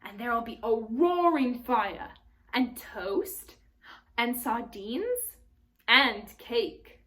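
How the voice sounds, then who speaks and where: Woman acting a male storybook faun, courtly, fussy, friendly, hesitant, highish pitch, animated swoops. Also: drawn-out words, exaggerated voice. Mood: courteous, inviting. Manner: polite, formal, hesitant, repeats phrases. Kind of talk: storybook character read aloud.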